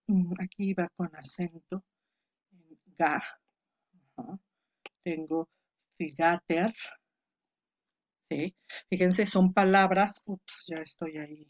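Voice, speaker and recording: A woman's voice: lowish voice, a little mellow, dull audio. Patient woman teaching online. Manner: patient, explanatory, addresses students by name. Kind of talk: online lecture on Greek grammar.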